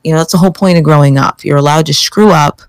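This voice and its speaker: A woman co-hosting a casual chat show, animated and quick to laugh as she argues her view. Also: deep voice, clear, resonant tone, no room sound. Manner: animated, laughs often, mimics reactions. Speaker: podcast co-host.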